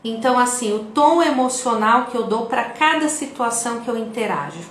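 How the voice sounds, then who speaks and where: A woman's voice: on the high side, lively intonation, moderate pace. A woman with a Brazilian Portuguese accent giving an online video lesson in a conversational way, often checking in with the viewer. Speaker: instructor. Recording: echoey room.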